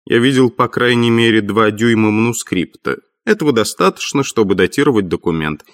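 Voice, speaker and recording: A man voicing a cool, precise male detective who explains his deductions calmly. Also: lowish voice, close to an everyday voice. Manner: calm, measured, coolly confident.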